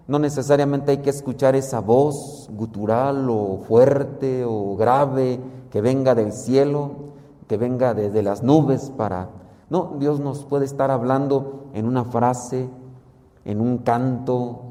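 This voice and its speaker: A man delivers a sermon, walking through scripture in a slow, measured way. His voice is mellow and relaxed. It rings with the long reverb of a church hall. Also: mid-range voice. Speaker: preacher.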